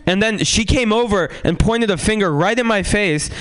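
Rambling, profane stand-up comic. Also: male voice, normal speed, clear, resonant tone. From San Francisco, USA. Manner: rambling, profane, swings between loud outbursts and low mutters. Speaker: stand-up comedian. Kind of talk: stand-up comedy set.

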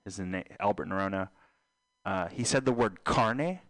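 Deadpan young man joking on a podcast. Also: sits low, moderate pace, no echo. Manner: deadpan, absurd joking with trailing fillers. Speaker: podcast host. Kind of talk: casual podcast banter.

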